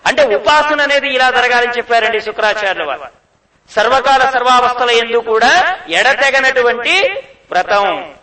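A man giving a devotional discourse, telling stories with animated acted-out speech and repeating phrases for emphasis. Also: very high-pitched. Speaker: spiritual speaker. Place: ashram hall. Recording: echoey room, voice from far off.

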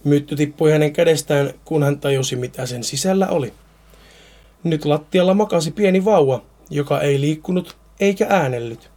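A man's voice: on the high side, darkish tone. A man reading a Finnish horror story aloud, now and then stumbling and repeating words.

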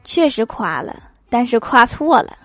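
A comedy podcast host reads short jokes aloud, acting out the quoted lines in a playful storytelling style and chuckling at her own punchlines. Her voice sits on the high side, sing-song and measured in pace, with some chatter and slight noise in the background.

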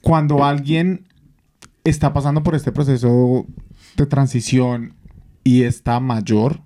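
A man's voice: medium pitch, fairly even intonation, takes it slowly, warm tone. A man co-hosting a casual podcast chat, agreeable and reflective, with English words mixed in. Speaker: podcast co-host.

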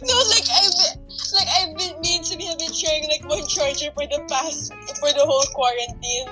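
A young woman with a Filipino accent in a casual chat, excitable and quick, laughing often. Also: high-pitched, over music, poor audio.

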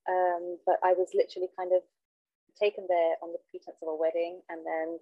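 Nervous woman, lowish voice, dull audio. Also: flat delivery, fairly quick, dry recording. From London, England. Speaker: podcast guest, trainee counsellor. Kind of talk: casual personal storytelling in interview. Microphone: handheld mic on remote call.

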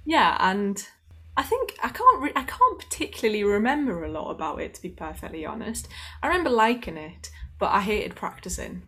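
Woman, Northern English accent, podcast guest, relaxed filler-heavy chat. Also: mid-range voice, a little fast, breathy edge. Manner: chatty, lots of fillers. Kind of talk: casual chat.

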